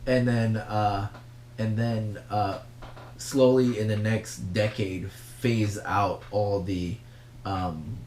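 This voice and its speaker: A man from Singapore, co-hosting a casual chat and explaining things at length in halting bursts full of fillers and restarts. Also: on the low side, steady tone, a little mellow, reverberant, a little hiss or hum. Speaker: podcast co-host.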